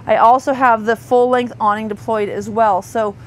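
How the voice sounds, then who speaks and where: A faint hum of air conditioning underlies a woman's steady, high-side voice at normal speed. Working as an RV sales associate, she gives a thorough tour inside a parked motorhome, chatty, with fillers and self-corrections.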